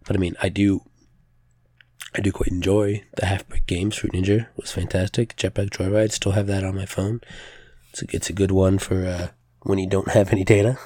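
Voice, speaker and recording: A man's voice: low voice, flat delivery, normal speed, dark tone, dry recording, studio quality. A man hosting a podcast solo with casual news commentary, hesitant and self-correcting, in a slightly strained, pressed voice. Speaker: podcast host.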